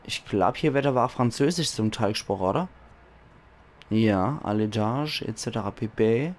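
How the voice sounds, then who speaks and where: A hoarse man with a Palatinate German accent, chatting enthusiastically as he comments on a video game. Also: lowish voice, lively intonation, normal speed, a little hiss or hum. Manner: chatty, enthusiastic, laughs often. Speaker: let's play host. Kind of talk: casual gaming commentary.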